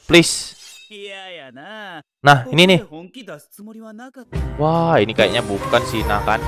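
A man giving casual, excitable commentary on game gacha pulls, groaning, pleading and talking to his viewers. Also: medium pitch. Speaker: gaming YouTuber.

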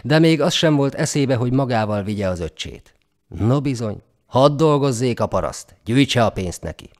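A man reading a folk tale aloud in a dramatic, expressive storybook narration. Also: mid-range voice.

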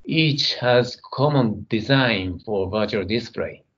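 A middle-aged man giving a technical conference keynote from his computer, speaking in a measured way as he talks through his slides. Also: on the low side, a bit bright, husky, lo-fi sound. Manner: measured, reading slides, some non-native grammar.

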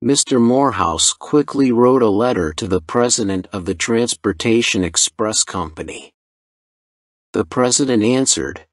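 Man reading a story real slow for english learners, mid pitch, dry close sound. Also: dry recording. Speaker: narrator.

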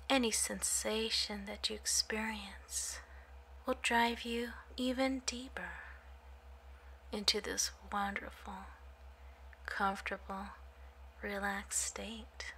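A woman whispering a hypnosis induction in a slow, soothing, repetitive way. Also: mid-range voice, bright, forceful tone, a little hiss or hum, low-quality recording.

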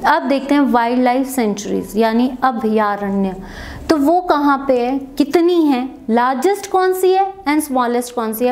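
A woman's voice: high voice, darkish tone. A woman teacher giving an exam-prep lecture, asking questions and answering them herself. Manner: asks and answers her own questions.

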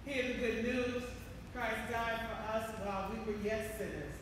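A pastor slowly and steadily reciting a communion liturgy in a large church, with a cathedral echo. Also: medium pitch, steady tone. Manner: slow, measured liturgical delivery. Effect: cathedral echo with a long hall reverb. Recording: echoey church sound, voice far from the mic, faint background noise.

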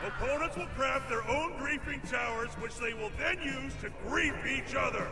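An actor playing a bombastic arena announcer in a theatrical, drawn-out fighting game announcer style. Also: male voice, extremely high pitch, vocal fry, loud music behind the voice. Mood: rousing. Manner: theatrical, drawn-out hype shouting. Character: bombastic male arena announcer hyping a grief battle.

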